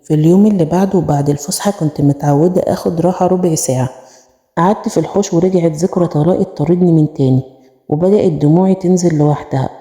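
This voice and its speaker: A woman with an Egyptian accent narrating a first-person horror story in a brisk, plaintive way. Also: sits low, warm tone. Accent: Egyptian Arabic. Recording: echoey room with long reverb.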